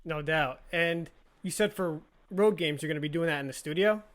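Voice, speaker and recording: A man's voice: fairly high pitch, normal speed, fairly bright tone. A man hosting a podcast interview, asking casual questions full of fillers like "like" and "uh" and laughing easily. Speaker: podcast host.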